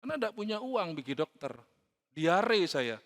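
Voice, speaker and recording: Pastor preaching. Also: male voice, high-pitched, very animated, normal speed. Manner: swings from soft asides to loud exclaimed calls; mixes Javanese words into Indonesian, frequent "saudara" and "ya kan". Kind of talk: church sermon. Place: church hall. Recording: long reverb of a church hall.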